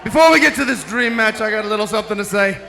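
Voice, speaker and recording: A man's voice: high voice, racing, creaky, slight background noise. A man cutting a wrestling promo on a handheld microphone, taunting the audience. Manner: taunting, shouting at the crowd. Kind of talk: in-ring promo. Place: wrestling arena, in the ring. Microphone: handheld arena microphone. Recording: distant arena mic with crowd. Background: crowd.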